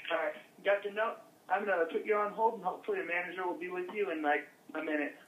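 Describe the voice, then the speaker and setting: A man's voice: high voice, fairly even intonation, fast talker, fairly bright tone. A male store employee in casual customer-service talk, heard over a speakerphone. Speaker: store employee answering phone. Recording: speakerphone in echoey room, faint noise.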